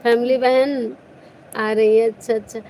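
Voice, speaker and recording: A woman's voice: on the high side, little pitch movement, a little slow, darkish tone, slight background noise, rough recording. A woman hosting a casual live stream, chatting playfully with viewers and teasing them with laughter.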